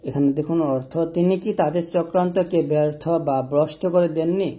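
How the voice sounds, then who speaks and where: A man teaching Quran reading, patiently spelling out each syllable and repeating the verses slowly in a chanting tone. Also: a little high, fairly even intonation, dark tone.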